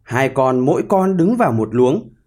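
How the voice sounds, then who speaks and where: A man narrating a fable in an expressive, animated storytelling style. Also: medium pitch, moderate pace.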